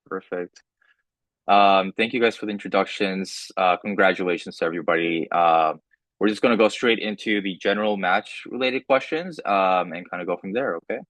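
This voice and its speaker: Low-voiced young man moderating a panel. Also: moderate pace, no echo. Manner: relaxed, many fillers and restarts. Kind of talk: casual moderating on a video call. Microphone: video call.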